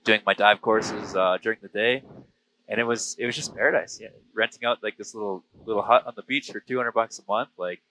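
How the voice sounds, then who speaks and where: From a small plane cockpit in flight, a man in his thirties with a western Canadian accent, a British Columbia diver and filmmaker, casually tells stories as an interview guest. He's on the low side, steady and brisk, pushed and bright, heard close over an aviation headset boom mic on the intercom, in a rough recording with a little hiss or hum.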